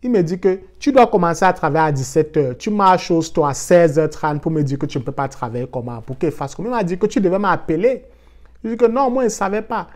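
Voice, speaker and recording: A man from Africa telling a casual personal story for his vlog in a lively way, dropping in English words. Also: high-pitched, a little fast. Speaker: vlogger.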